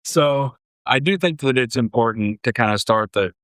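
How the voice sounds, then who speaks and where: A man from New York in his forties, a deli owner and former English teacher, telling his story in a relaxed, rambling way on a close podcast mic. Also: mid-range voice, moderate pace, no echo. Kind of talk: casual interview storytelling.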